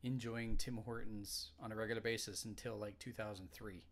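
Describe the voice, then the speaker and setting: Relaxed joking male co-host. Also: lowish voice, normal speed. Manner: relaxed, joking, rambling with fillers. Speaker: podcast co-host. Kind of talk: casual chat.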